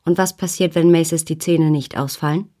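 A wary young woman who keeps questioning and doubting, given a low, plain voice by a woman reader. The audiobook delivery stays close to a natural speaking tone. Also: fairly even intonation, moderate pace, mellow. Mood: skeptical. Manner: skeptical, questioning. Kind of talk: audiobook character voice.

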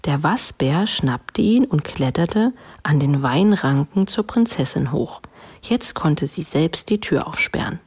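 A woman reads a children's story aloud in a low, husky voice. She takes her time, with a gently wry touch. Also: animated, a little slow.

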